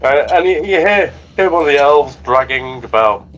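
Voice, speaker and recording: A man narrating casually as game master, often halting and correcting himself. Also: a little high, animated, a bit bright, muffled recording.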